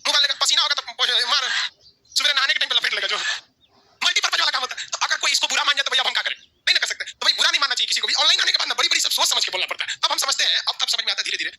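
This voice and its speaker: A male teacher with a Bihari Hindi accent, lecturing a class rapidly and animatedly, asking questions and answering them himself. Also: very high voice, animated, sharp tone, slight background noise. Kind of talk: classroom lecture with call-and-response.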